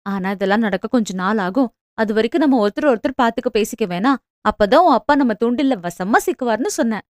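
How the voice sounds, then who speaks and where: A woman voicing a bold young village woman in a storybook romance, coaxing and quick as she lays out her plans. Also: on the high side, no echo, studio quality, lightly acted. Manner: lively, coaxing, quick when explaining plans.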